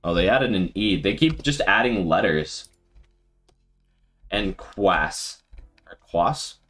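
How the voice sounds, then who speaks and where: A man streaming live and thinking out loud with casual commentary, laughing often. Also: low voice, lively intonation, slow, soft background music. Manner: thinking aloud, frequent laughter.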